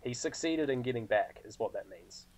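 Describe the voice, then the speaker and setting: A podcast co-host discusses films in a relaxed, laid-back way, his phrasing loose and packed with "like" fillers, and he laughs often. He speaks at medium pitch and a moderate pace into a podcast microphone, on a low-quality recording.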